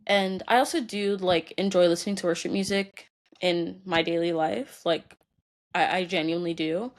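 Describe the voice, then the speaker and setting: A young woman hosting a solo podcast, talking about her feelings in a halting way with many fillers, tearful and crying at times. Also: lowish voice, steady tone. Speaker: podcast host. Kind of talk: personal solo podcast talk.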